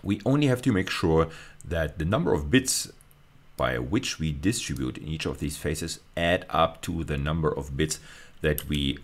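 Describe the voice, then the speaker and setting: Speaking at normal speed in a very deep, expressive voice, a middle-aged university lecturer explains his subject in a recorded lecture. He goes methodically, one step at a time, and emphasizes key phrases by repeating them.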